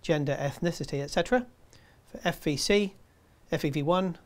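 Man narrating step-by-step instructions. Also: fairly high pitch. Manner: measured step-by-step delivery. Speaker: presenter.

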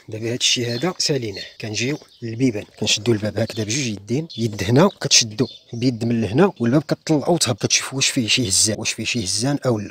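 A man with a Moroccan Arabic accent rattles through a practical demonstration at a very quick clip, his voice sitting at a middling pitch. He talks casually, pointing things out as he works around a car outdoors. A faint hiss of background noise runs under the speech. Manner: fast, conversational, points things out while working. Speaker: car mechanic channel host. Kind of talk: hands-on instructional walkthrough.

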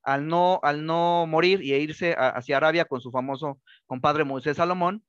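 A man's voice: on the high side, moderate pace, fairly bright tone, smooth, no room sound, dull audio. Hesitant man lecturing on history. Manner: hesitant, many fillers and restarts, ends phrases with rhetorical question tags. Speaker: historian giving a talk. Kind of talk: academic lecture.

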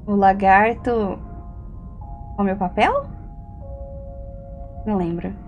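A woman's voice: medium pitch, lively intonation, slow pace, muffled recording, soft background music. A young woman with a Brazilian Portuguese accent, chatting casually and slangily while streaming a game and reading chat. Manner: chatty, slangy, giggly, reads chat aloud.

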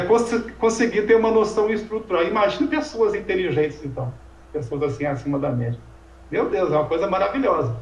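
A man with a high voice explains things in a relaxed lecture, checking in with tag questions and rhetorical asides. He sits well away from the mic. The room around him rings with echo. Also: lo-fi sound. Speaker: Sanskrit teacher. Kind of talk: informal lecture conversation. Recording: echoey room, voice from far off mic.

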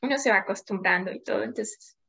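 A woman's voice: medium pitch, quick pace, creaky, pushed and bright, lo-fi sound. A young adult Mexican woman, a climate scientist, talking at length as an interview guest with small laughs in between, over a video call. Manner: thoughtful, explains at length with little laughs. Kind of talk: casual interview chat.

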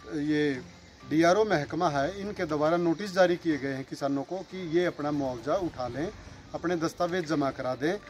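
A man, presenting an informal local news report and reading out figures item by item. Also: on the high side. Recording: music bed under the voice. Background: background music.

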